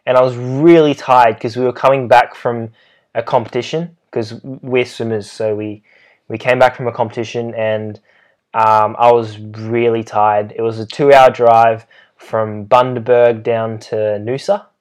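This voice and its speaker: A young Australian man co-hosting a laid-back podcast, his voice at an ordinary middle pitch. He tells stories with lively energy and acts out what people said. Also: unhurried. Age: young adult. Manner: animated storytelling, acts out quotes. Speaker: podcast co-host. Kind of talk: casual chat.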